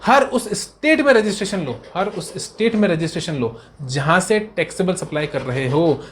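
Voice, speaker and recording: High-voiced man drilling exam questions. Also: lively intonation, fairly bright tone, slight background noise. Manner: brisk, repetitive, answers his own questions in a student's voice; fond, coaxing tone toward students. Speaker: accountancy exam tutor. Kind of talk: exam revision lecture.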